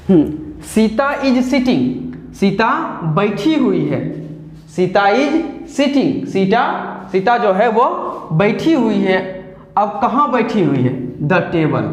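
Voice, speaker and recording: A man's voice: high-pitched, roomy sound. A man with a Hindi accent, teaching an English grammar lesson patiently, step by step with repeated examples.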